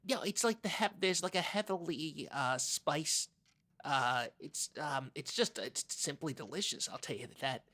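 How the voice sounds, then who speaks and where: On a comedy podcast, a man improvises in character as an earnest oddball co-host who is easily rattled, rambling and stammering in a sincere, halting way. His voice is on the high side, a little slow, bright and forceful.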